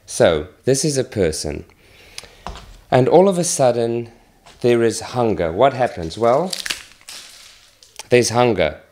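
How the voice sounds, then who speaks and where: A middle-aged man from Malawi, a charity worker, making an earnest, measured appeal while demonstrating with a plant. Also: mid-range voice, big pitch swings, warm tone, a little hiss or hum. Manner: earnest, measured, with pauses and restarts.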